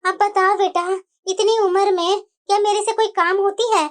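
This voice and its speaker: Cartoon elderly mother, plaintive and whiny, very high register; voiced by a woman. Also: steady tone, normal speed. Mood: complaining. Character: elderly mother, complaining about her daughter-in-law. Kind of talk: cartoon voice acting.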